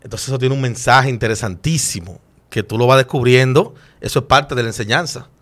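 A man, a chef guest in an interview, telling stories in an animated and emotional way with frequent restarts. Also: mid-range voice, a little fast. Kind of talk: casual interview storytelling.

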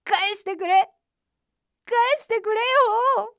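A woman's voice: sits high, sing-song, moderate pace, no echo, clean studio sound, voice pushed up. A woman voicing a proud, naive male rabbit in a children's storybook reading, lofty in manner and easily upset. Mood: frantic. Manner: lofty and generous, then frantic and shouting.

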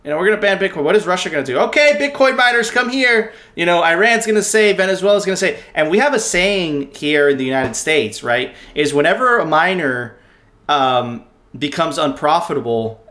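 A man from Miami hosting a podcast, chatting casually with quick reactions and rhetorical questions. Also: on the high side, expressive, sharp tone. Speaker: podcast host.

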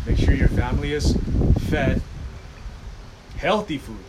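A man's voice: mid-range voice, unhurried. A man with a Hawaiian accent talking in a casual chat, emphatic and preachy, often repeating his key phrases. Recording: loud wind noise outdoors.

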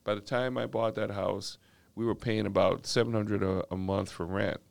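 A man in his fifties, not a native English speaker, appears as a podcast guest and tells personal stories in an animated way, often repeating words and laughing. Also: fairly low pitch, normal speed, gravelly.

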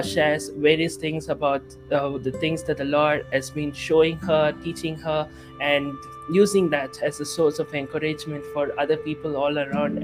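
A male podcast host interviewing a guest, talking with many fillers and restarts. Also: on the high side. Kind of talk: interview conversation.

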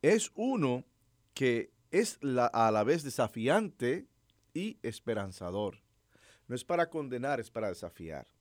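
A man, a priest, giving a Sunday homily in an unhurried, reflective way, with fillers and rhetorical questions. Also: medium pitch, big pitch swings, dry recording, studio quality.

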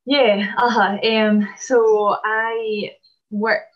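A Scottish woman in her twenties, a basketball player and dentist, chatting casually in an interview with many "um" pauses. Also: fairly high pitch, level tone, dull audio. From Scotland.

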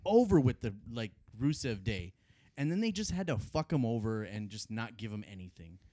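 A man's voice: mid-range voice, big pitch swings, normal speed, dark tone, no room sound. A man in a casual wrestling chat, frustrated and swearing heavily.

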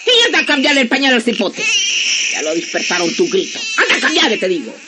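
A man doing a shrill scolding wife. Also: wildly swooping pitch, fairly quick, very noisy. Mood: bossy. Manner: nagging, sharp-tongued. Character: scolding bossy wife, middle-aged woman. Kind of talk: radio play acting.

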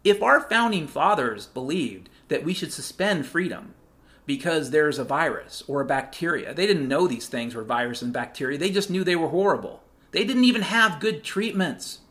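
A man's voice: on the high side, a bit bright. A male podcast host delivering a heated, sarcastic monologue, swearing often. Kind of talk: profane ranting monologue.

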